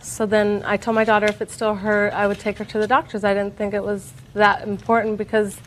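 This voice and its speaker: A woman's voice: mid-range voice, little pitch movement, fairly quick, a little hiss or hum, rough recording. A woman giving spontaneous, matter-of-fact testimony as a litigant in small claims court.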